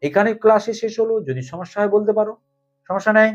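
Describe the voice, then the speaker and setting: Tutor, male, high voice, quizzes and repeats key terms, dull recording. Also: fast. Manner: asks students questions and answers them himself, repeats key terms. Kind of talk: exam-focused grammar lesson. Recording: slightly dull lo-fi sound with faint music.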